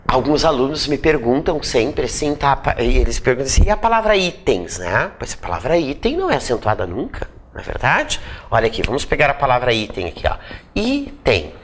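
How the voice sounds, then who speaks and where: Lively man teaching grammar. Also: medium pitch, fairly quick, hardly any pauses, slight background noise. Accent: Brazilian Portuguese. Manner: checks in with tag questions; repeats points for emphasis. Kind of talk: grammar lesson.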